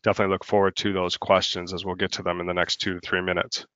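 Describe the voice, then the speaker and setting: Deep-voiced man pitching fast in a webinar. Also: monotone, a bit bright, dry recording, muffled recording. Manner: fast, filler-heavy business pitch. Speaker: head of marketing presenting a webinar. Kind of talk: webinar presentation.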